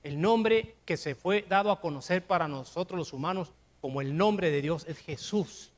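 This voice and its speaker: An older man preaching a sermon in a Mexican accent, emphatic, with rhetorical questions and rising to shouts. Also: on the high side, moderate pace. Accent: Mexican Spanish. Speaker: pastor.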